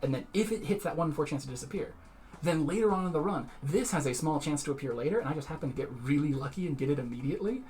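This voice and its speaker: A man's voice: fairly high pitch, animated, rapid-fire, darkish tone. Man explaining a card game casually. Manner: chatty, explains mechanics step by step, laughs often. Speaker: streamer playing a card game. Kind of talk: casual explaining while playing. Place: charity marathon stream room.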